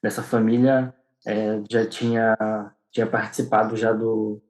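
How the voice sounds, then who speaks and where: A man's voice: on the low side, flat delivery, measured pace, darkish tone, low-quality recording. A young man, a podcast guest telling a story in casual interview talk, often restarting and filling with "é" and "né". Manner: hesitant, many restarts and fillers.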